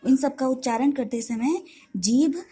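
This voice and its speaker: A woman Hindi teacher giving an online grammar class, explaining slowly and clearly with lots of repetition. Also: high voice, dark tone.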